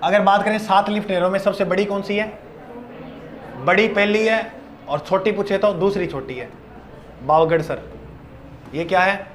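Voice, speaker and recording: A male teacher giving a classroom lecture, loud and playful, drilling students with call-and-response chants. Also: high voice, normal speed, pauses often.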